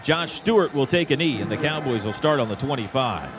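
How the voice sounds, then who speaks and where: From a stadium radio booth, an American man with a mid-range voice calls live football play-by-play in excitable, clipped, rapid-fire bursts. The broadcast sound is dull and lo-fi, with loud stadium ambience behind him.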